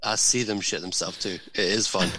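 A man's voice: deep voice, fairly even intonation, brisk, a crowd in the background. A British man, a teacher, chatting on a podcast with crude jokes and lots of laughing. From Britain. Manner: crude jokey humour, laughs a lot. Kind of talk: casual podcast chat.

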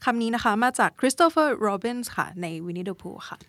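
A young woman, an intern co-host, reading English quotes slowly and translating them plainly. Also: a little high, expressive, fairly bright tone, dry recording. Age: young adult. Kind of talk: casual teaching chat.

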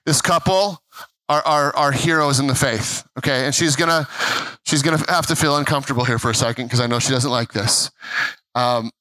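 A man's voice: mid-range voice, brisk, sharp tone, no room sound, poor audio. A man, the pastor, introducing a guest speaker and leading a prayer at a church service, emphatic and repeating words as he builds up.

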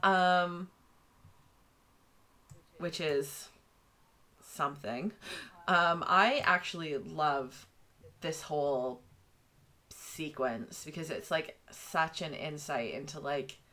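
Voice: medium pitch, takes it slowly, long pauses, bright, forceful tone. A podcast co-host in a casual book discussion, chatty with many fillers, reading passages aloud.

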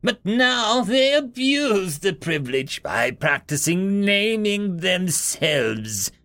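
Man doing a raised-pitch noble voice, sneering, entitled, slow drawn-out shouting. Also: sing-song, heavily acted. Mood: contemptuous. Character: arrogant short male noble winged creature.

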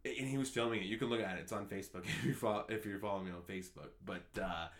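Co-hosting a laid-back sports podcast, this man speaks at a racing pace in a lowish voice, with a faint hiss or hum in the audio. He tells his story with enthusiasm, wandering off and starting over again and again.

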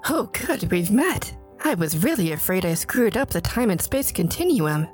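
A man's voice: high voice, sing-song, moderate pace, soft background music, pitched above the performer's own voice. A man voicing a brash, cheeky teenage girl who travels through time, with a sassy, mocking way of talking. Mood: relieved, cheeky. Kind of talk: audiobook narration.

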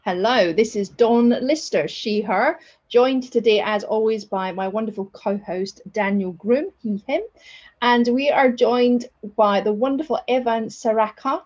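A woman's voice: fairly high pitch, measured pace, darkish tone, lo-fi sound. A woman co-hosting a podcast in a chatty, self-deprecating way, laughing often. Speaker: podcast co-host. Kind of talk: casual podcast chat.

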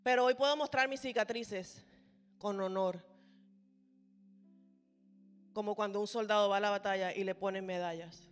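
A woman's voice: mid-range voice, moderate pace, pauses often. A woman preaching a sermon in a church hall. She speaks with passion and builds to emphatic rhetorical questions. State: sweaty, toweling off. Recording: long reverb of a large hall.

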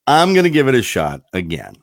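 A man's voice: mid-range voice, huge pitch swings, a little fast, dry recording, clean studio sound. A man hosting a casual podcast chat, rambling and wandering off on tangents. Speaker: podcast host.

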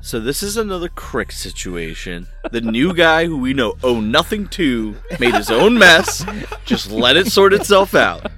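A man's voice: mid-range voice, big pitch swings, measured pace, pushed and bright, faint music behind. A man playing a tabletop game, joking and bantering about his character. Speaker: player. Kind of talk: casual tabletop chat.

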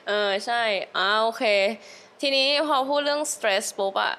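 A young adult woman hosting a podcast in casual chat, curious and lively, laughing easily. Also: on the high side, measured pace. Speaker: podcast host. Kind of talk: casual interview chat mixing English.

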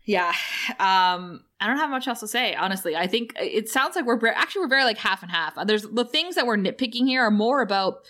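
A young woman co-hosting a casual movie review chat, animated and laughing often. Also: fairly high pitch, a little fast. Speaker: podcast co-host.

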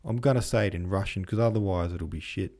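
A man's voice: low-pitched, quick pace, darkish tone. A man voicing a crude, rambling young aristocrat, full of slang. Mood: rowdy. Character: Prince Hippolyte, a crude blokey young aristocrat.

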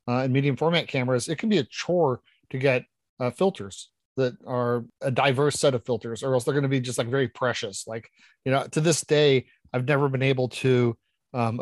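A man's voice: medium pitch, a little mellow, dry recording. A man in casual panel chat, talking with enthusiasm and rambling through many restarts. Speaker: podcast panelist.

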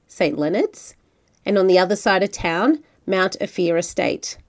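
A woman's voice: on the low side, a little mellow. A woman with an Australian accent hosts a wine travel podcast. She reads her narration in a friendly, conversational way and then chats easily with her guest. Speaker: podcast host. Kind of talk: scripted narration and casual interview.

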